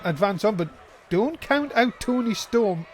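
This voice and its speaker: A man calling a wrestling match play-by-play as a commentator, in an excitable, exclaiming manner. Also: high voice, unhurried. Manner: excitable, exclaiming at big moves. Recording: loud crowd noise behind commentary. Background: noisy crowd.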